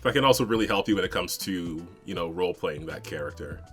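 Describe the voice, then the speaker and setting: Deep-voiced man, rambling podcast chat. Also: animated, quick pace, fairly bright tone, soft background music. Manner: rambling, filler-heavy, laughs often. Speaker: podcast co-host and game master. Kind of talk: casual chat.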